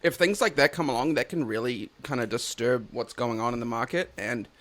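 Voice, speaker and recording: A man's voice: medium pitch, a little fast, fairly bright tone, slight background noise. A young man co-hosting a casual real estate podcast, laid-back and talking through the heat of spicy wings. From Ontario, Canada. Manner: laid-back, talks through the burn with whoops. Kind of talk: casual chat while eating hot wings.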